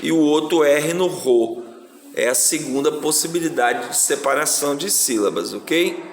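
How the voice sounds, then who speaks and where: Brazilian male teacher, slightly high voice, slow deliberate delivery; roomy reverberant sound, faint background noise. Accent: Brazilian Portuguese. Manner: patient, drawn-out syllables. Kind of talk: slow classroom explanation. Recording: echoey room, faint noise.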